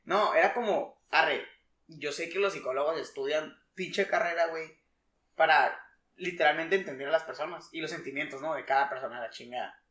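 A man's voice: a little high, moderate pace, fairly bright tone, echoey room. A young man with a Mexican Spanish accent co-hosting a casual podcast chat, slangy and swearing freely. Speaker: podcast co-host.

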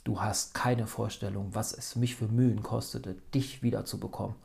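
A man reading the part of a pushy but caring young friend who speaks firmly, with a low gravelly voice. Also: little pitch movement, moderate pace, a little mellow. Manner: insistent, firm.

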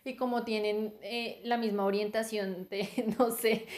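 A woman's voice: medium pitch, measured pace. A young woman in casual chat, animatedly retelling a plot and laughing often. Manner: animated storyteller, laughs often, filler 'ta, ta, ta'.

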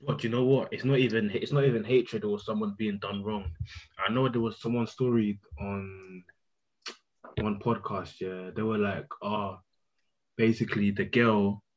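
Young london roadman bloke, lowish voice, slangy and emphatic chat, slightly dull recording. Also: steady tone, normal speed. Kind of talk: casual group banter.

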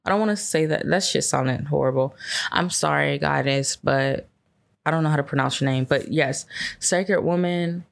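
A woman's voice: low-pitched, fairly bright tone. A woman hosting her own podcast in a casual solo chat, tired, swearing heavily and rambling in laid-back slang with lots of fillers. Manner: laid-back, unhurried talk with frequent fillers. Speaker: podcast host.

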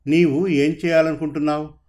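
A man's voice: a little high, level tone, a little fast, a little mellow, close to an everyday voice. A man voicing a grieving older father who speaks sternly about his son's crime in a told story. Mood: grave. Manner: sorrowful, stern.

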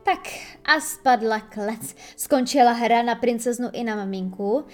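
A woman's voice: a little high, darkish tone, soft background music, close to an everyday voice. Woman doing a cruel, bellowing pirate captain. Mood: cold, mocking. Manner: slow, drawn-out, with sudden bellows. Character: menacing male pirate captain, cruel and theatrical.

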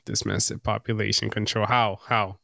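A man's voice: fairly low pitch, little pitch movement, normal speed, vocal fry, bright, forceful tone, slight background noise. A young man hosting a casual group discussion in a loose, slangy way. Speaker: host of a casual podcast.

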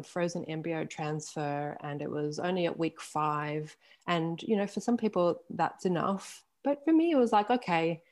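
Frank, lower-pitched woman in her forties. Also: a little mellow. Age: 40s. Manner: open and frank, with laughs and mild swearing. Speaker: podcast guest. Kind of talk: candid personal storytelling.

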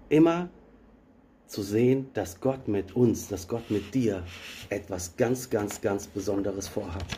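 Dark-voiced man preaching conversationally. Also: on the low side. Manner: retells a Bible story in plain, conversational German, addressing listeners directly; self-correcting, searching for words. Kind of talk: sermon.

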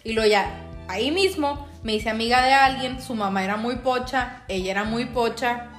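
With music behind her and a roomy echo in the room, a young woman with a Mexican accent spins stories on a laid-back podcast she co-hosts. Her pitch is fairly high, her speed normal, and her chatty talk is full of filler words.

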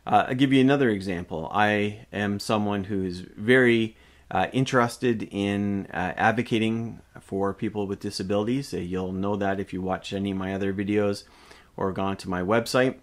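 A man hosting his own channel, giving a reflective personal monologue with many pauses, fillers and restarts. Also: on the low side, steady tone. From Canada. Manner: hesitant, frequent uh fillers and restarts.

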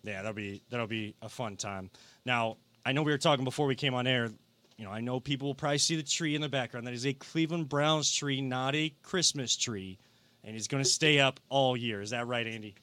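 A young man hosts a casual sports talk show, speaking with energy and often doubling back on his own words. His voice is bright and forceful. The sound is dry and close, with little room around it. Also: mid-range voice, fairly quick, no echo. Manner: energetic, repeats himself. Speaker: podcast host.

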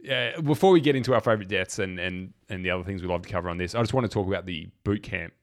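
A man co-hosting a laid-back film podcast. His voice sits a little low, and he talks in a hesitant way with lots of fillers. He sounds easygoing as he recounts scenes. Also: rapid-fire. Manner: relaxed, hesitant, many fillers. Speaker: podcast co-host. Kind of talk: casual film discussion.

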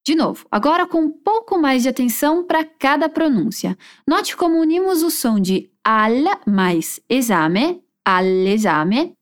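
A woman runs a language lesson. Her voice is high and swings widely in pitch. She slows down to model phrases clearly so learners can repeat after her. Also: big pitch swings. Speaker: language teacher.

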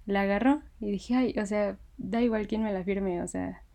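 A young woman with a Mexican Spanish accent casually telling a story, excited, laughing often and using many fillers. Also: mid-range voice, normal speed, vocal fry.

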